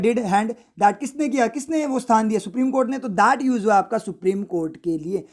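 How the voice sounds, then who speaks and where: A man's voice: high-pitched, darkish tone. A man from India explaining an English newspaper editorial in Hindi mixed with English, asking and answering his own questions. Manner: reads English sentences slowly with stress. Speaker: English teacher.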